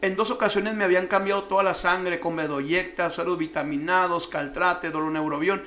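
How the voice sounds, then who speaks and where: A man with a high, bright voice tells his own life story as a radio guest. He acts out the guards and officials in his story as he goes. The sound is close and clear, as from a studio mic. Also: steady tone, normal speed, slight background noise. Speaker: guest sharing testimony. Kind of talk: emotional personal testimony.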